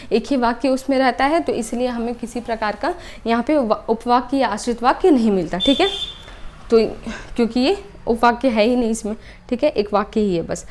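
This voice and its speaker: A young woman teaches an online exam-prep class in a fairly high voice. She takes each point step by step and repeats the key ideas. She keeps checking in with short "okay"s as she goes. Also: darkish tone. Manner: explains step by step, repeats points, often adds "ठीक है".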